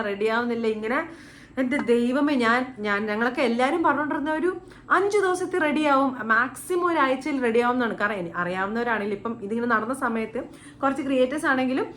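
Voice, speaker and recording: Young woman, YouTuber, casual storytime, quick and a touch high-pitched. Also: slight background noise. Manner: animated, chatty storytelling, mixing in English words.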